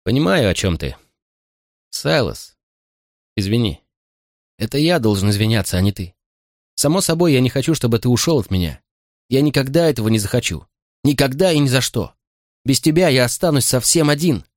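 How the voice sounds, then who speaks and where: An audiobook reader voicing a gentle, bewildered grown man who earnestly insists he doesn't know the answers. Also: mid-range voice, very animated, a little fast, pauses often, no room sound, studio quality, pitched above the performer's own voice. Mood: tender.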